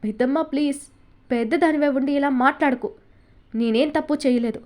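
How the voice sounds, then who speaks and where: A woman reads a young woman in tears, pleading but holding firm. The voice is high and bright. Told as a storybook. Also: fairly quick, lightly acted. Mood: tearful pleading. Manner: tearful, pleading.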